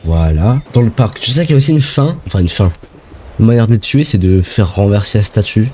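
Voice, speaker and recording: A young man from France giving casual, excitable let's-play commentary full of slang as he plays a shooter game. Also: on the low side, a little fast, slight background noise. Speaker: gaming video creator.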